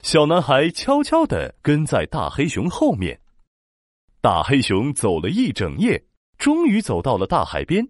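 Very animated male storyteller. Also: medium pitch, measured pace, no room sound, clean studio sound. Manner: animated, expressive. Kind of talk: children's story narration.

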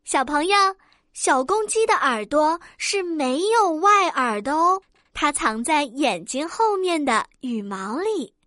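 A woman narrating a children's story gently and clearly, speaking to young listeners. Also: sits high, very animated, slow, no echo, studio quality.

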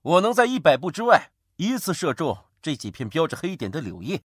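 A man doing a calm, modest master archer. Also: fairly high pitch, slightly rough, dry recording, clean studio sound, exaggerated voice. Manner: steady, unhurried, modest. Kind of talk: children's storybook voice acting.

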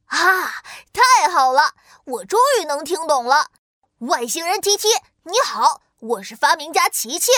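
A bright, very high little-girl voice, recorded dry and close. She is an eager young inventor in a children's audio story, curious and clever, speaking in singsong exclamations. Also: animated, a little slow, no echo, heavily acted. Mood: delighted.

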